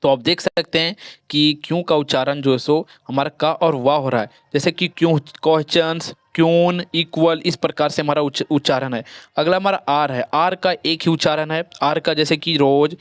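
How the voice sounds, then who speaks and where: A man with a Hindi accent teaching English pronunciation, repeating each word slowly and drawing out the sounds. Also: a little high, fairly even intonation, no room sound. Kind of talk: phonics lesson.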